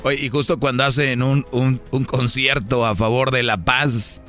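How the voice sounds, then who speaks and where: A man's voice: medium pitch, steady tone, measured pace, a bit bright, soft background music. A man with a Mexican accent co-hosting a talk show with casual, teasing banter.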